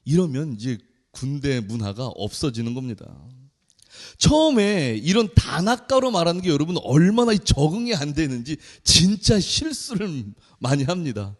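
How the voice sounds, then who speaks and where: A young man preaches in a church with a high, expressive voice that leaps up and down as he tells his stories. He acts out the voices of the people in them, and his words ring with a long reverb through the sanctuary. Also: moderate pace. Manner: animated storyteller, acts out quoted voices. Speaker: junior pastor. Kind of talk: sermon.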